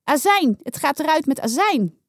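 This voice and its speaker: A woman's voice: sits high, big pitch swings, moderate pace, dry recording, clean studio sound, pitched above the performer's own voice. A woman voicing a cheeky young boy who talks in a teasing, brash way. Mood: eager.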